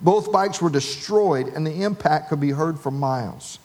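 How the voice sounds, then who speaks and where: A man's voice: fairly high pitch, normal speed, darkish tone. A man preaching a sermon, telling a humorous story with voices for the people in it. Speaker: pastor.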